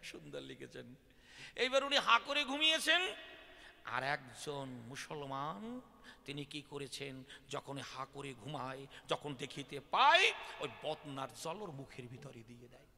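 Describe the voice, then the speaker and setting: Man, devotional storyteller, rhetorical questions, very bright gravelly voice, stage mic in a reverberant hall. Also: a little high, big pitch swings, measured pace. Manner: rhetorical questions to the audience, vivid. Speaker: devotional folk poet-singer. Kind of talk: devotional storytelling discourse to a live audience.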